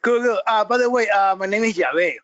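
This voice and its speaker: A man's voice: high-pitched, a bit bright, no echo, highs cut off. Eager Peruvian-born man calling in. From Peru. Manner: eager, halting, many fillers. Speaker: caller.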